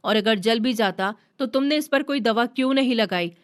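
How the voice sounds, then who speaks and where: Caring young husband, read by a woman; concerned, fairly high. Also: normal speed, smooth, natural voice. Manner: concerned, pleading.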